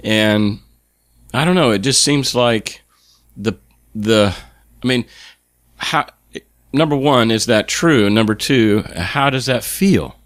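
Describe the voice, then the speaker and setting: A man's voice: medium pitch, slow pace, fairly bright tone, no echo, studio quality. A middle-aged man hosting a podcast interview, casually talking and often restarting his sentences. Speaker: podcast host.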